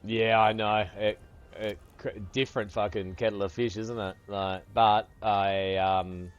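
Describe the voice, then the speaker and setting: In a live gaming stream, a man of about fifty chats casually with viewers, swearing freely and calling them brother. His lowish voice is steady and unhurried, the recording is muffled, and faint music plays in the background.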